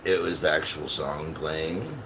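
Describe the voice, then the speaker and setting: Male streamer, very low and unhurried, casual foul-mouthed rambling over clear background noise. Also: expressive. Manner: rambling, sweary. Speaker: live streamer. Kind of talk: casual livestream chat. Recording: clearly noisy livestream audio.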